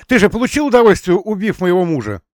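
A man's voice: fairly high pitch, sing-song, normal speed, no room sound, studio quality, pitched above the performer's own voice. A man voicing a hysterical, desperate woman who shrieks, sobs and pleads in an audiobook. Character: hysterical desperate woman, knife-wielding, screaming.

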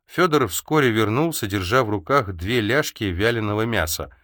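Low-voiced male audiobook narrator. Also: lively intonation, normal speed, fairly bright tone, dry recording, studio quality. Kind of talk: audiobook reading.

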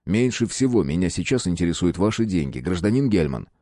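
A man's voice: deep voice, very animated, fairly quick, warm tone, no echo, clean studio sound. A man doing a curt, tough detective. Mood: threatening. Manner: curt and threatening.

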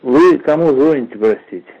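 A man's voice: mid-range voice, animated, moderate pace, slight background noise. A man answering a phone call, formal and puzzled, asking question after question, heard over a tinny phone line. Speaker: call recipient. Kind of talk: phone conversation.

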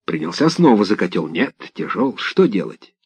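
A man narrating a folk tale in an expressive, dramatic reading. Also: deep voice, moderate pace, slightly rough, no echo. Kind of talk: scripted storytelling narration. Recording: dull lo-fi dry recording.

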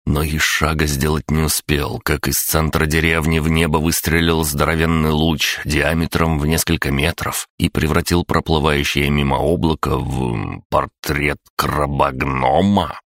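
Man, extremely deep voice, fantasy audiobook narration, dry close sound. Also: a bit bright, no echo. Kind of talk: first-person fantasy narration.

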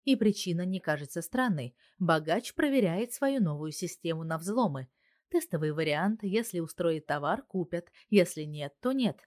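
Woman reading a story aloud, lowish voice, steady, dry close mic. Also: normal speed, no room sound. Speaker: audiobook reader. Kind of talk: first-person audiobook narration.

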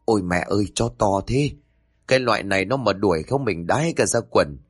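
A man's voice: lowish voice, expressive, brisk, breathy edge, no room sound, studio quality. A man doing a cocky, boastful young thug. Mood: nervous. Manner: cocky, mocking.

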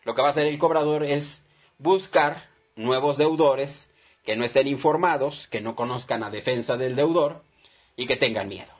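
Emphatic husky man host. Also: medium pitch, moderate pace. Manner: emphatic, animated advice with acted-out dialogue. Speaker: debtor-advice radio host. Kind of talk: call-in advice talk.

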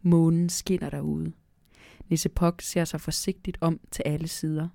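A woman hosting a children's Christmas podcast. She reads the story aloud in a lively way and often drops to a hushed whisper. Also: deep voice, gravelly, dry recording, clean studio sound.

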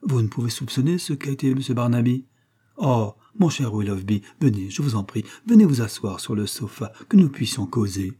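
A man's voice: mid-range voice, lively intonation, moderate pace, warm tone, breathy edge. A male reader voicing a vain, effusive middle-aged woman who has newly remarried, exclaiming piously and gushing over everyone.

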